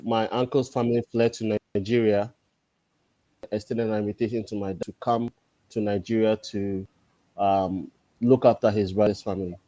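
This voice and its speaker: A man around forty, a guest in a casual interview, talking thoughtfully and pausing often on drawn-out fillers. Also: lowish voice, fairly even intonation, dark tone, no echo. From Ghana. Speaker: podcast guest.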